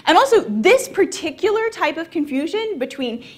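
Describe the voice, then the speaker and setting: A woman's voice: very high-pitched, big pitch swings, moderate pace. A young woman from the American South giving a conversational conference talk with frequent fillers. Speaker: conference speaker. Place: conference hall.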